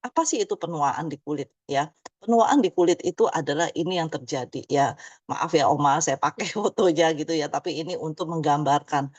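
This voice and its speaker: A woman's voice: low-pitched, moderate pace, darkish tone, breathy edge, dry recording. A woman in her fifties giving a chatty motivational presentation, tagging many phrases with "ya". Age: 50s. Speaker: business presenter.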